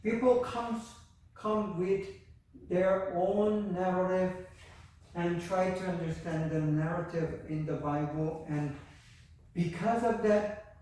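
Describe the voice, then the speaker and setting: An older man with a Korean accent lectures at a slow, halting pace, full of fillers and restarts. His voice sits high for a man. He sounds distant from the mic, in a strongly echoing room with faint ambience. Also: fairly even intonation, a little mellow, a little hiss or hum. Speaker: university lecturer. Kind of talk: classroom lecture. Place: university classroom.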